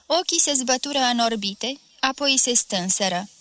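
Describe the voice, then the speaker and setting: A woman narrating a classic story, reading in a steady, measured way. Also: a little high, dry recording.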